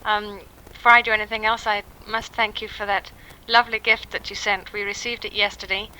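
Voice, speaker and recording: An Englishwoman in her thirties, a mother, records an audio letter to her family on a 1960s home tape in a quiet house. Her mid-range voice is flat and sharp, and she talks casually and hesitantly, pausing often with ums. The recording is poor, with a little hiss or hum.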